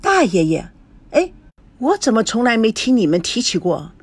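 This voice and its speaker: A woman's voice: on the high side, big pitch swings, normal speed, darkish tone, slightly rough, dry recording, exaggerated voice. A woman reading a young grandson, evasive. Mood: casual. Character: young grandson, newlywed man, evasive and kind.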